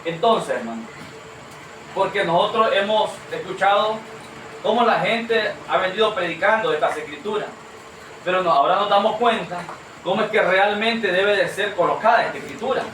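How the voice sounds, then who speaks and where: A man's voice: high-pitched, moderate pace, fairly bright tone, a little hiss or hum. A man preaching a sermon to a congregation, earnest and questioning, calling them brother. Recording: echoey room from far off.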